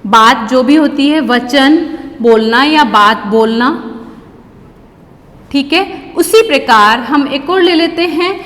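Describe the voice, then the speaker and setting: A woman teacher walks young pupils through a grammar lesson in a high voice, patiently repeating key words slowly. Her voice trails into a long reverb. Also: a bit bright.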